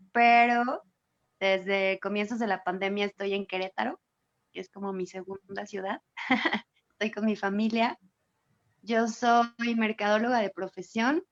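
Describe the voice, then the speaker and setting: A woman's voice: medium pitch, highs cut off. A woman introducing herself on a video call, chatty with frequent hesitant fillers. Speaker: class participant. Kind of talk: casual self-introduction.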